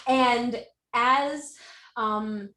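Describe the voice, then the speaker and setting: A woman's voice: fairly high pitch, drawn-out words, sharp tone. Hesitant woman author in an echoey room. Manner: hesitant, many ums and self-corrections, laughs nervously. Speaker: author being interviewed. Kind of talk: casual Q&A at an online book launch.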